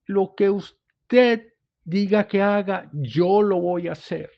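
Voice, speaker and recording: A desperate father cries out in a strained, high, pleading voice, as a preacher acts him out mid-sermon. He begs urgently, his voice lifted well above a normal speaking pitch. The recording sounds dull and lo-fi. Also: slow, gravelly, exaggerated voice. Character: desperate grieving father, a royal official.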